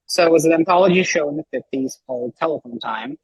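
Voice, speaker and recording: A man talking as a podcast guest, rambling and animated, with lots of filler words and a husky voice. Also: fairly high pitch, fast talker, no room sound, highs cut off. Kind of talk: casual podcast chat.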